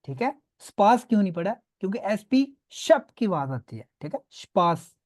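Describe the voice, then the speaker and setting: A man's voice: high-pitched, sing-song, moderate pace, darkish tone. A man teaching a beginners' online class, patiently drilling sounds and often checking that students follow. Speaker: language teacher.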